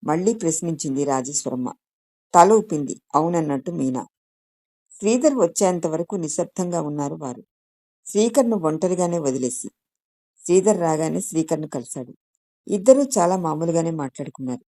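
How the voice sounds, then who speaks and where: A woman calmly reading a written story aloud as narration. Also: low-pitched, normal speed, dry recording, clean studio sound. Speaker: story reader. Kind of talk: scripted audiobook narration.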